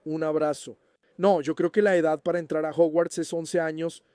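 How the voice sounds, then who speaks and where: A man's voice: on the high side, level tone, normal speed, mellow, clean tone, no echo, clean studio sound. A man hosting a fan channel, casually answering viewer questions and checking in with the listener as he explains. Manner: chatty, keeps checking in with the listener.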